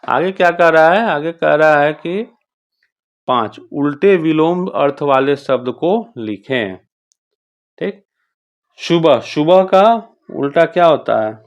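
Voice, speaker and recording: Woman teacher, very low and slow, patient workbook explainer, dull lo-fi sound. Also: lively intonation. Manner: patient, repeats words and checks with 'okay?'.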